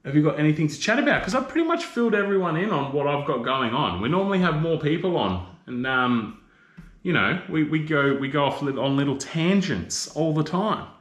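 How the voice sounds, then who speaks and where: A laid-back Australian livestream host chats casually with viewers, rambling and teasing them with slang like "mate" and "bro." His voice is on the high side, expressive, fairly quick and fairly bright, with a roomy echo around it.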